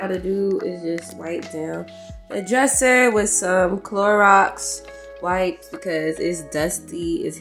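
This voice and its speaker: A young woman talking casually to her viewers in a day-in-the-life vlog, candid and loose. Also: medium pitch. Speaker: vlogger.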